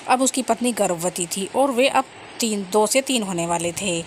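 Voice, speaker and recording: A woman narrating a cartoon story in a steady storytelling manner. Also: medium pitch, normal speed, slight background noise.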